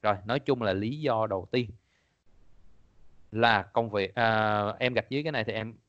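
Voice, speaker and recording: Man, teacher, low voice, dry close sound. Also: normal speed, fairly bright tone, dry recording, dull audio. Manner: casual, chatty, repeats points, laughs often. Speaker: English teacher. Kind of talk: online exam-prep class.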